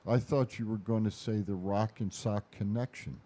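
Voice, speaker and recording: A man co-hosting a wrestling podcast in casual chat, talking slowly and haltingly with many restarts. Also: lowish voice, fairly even intonation, dark tone. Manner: slow, hesitant, many fillers and restarts. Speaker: podcast co-host.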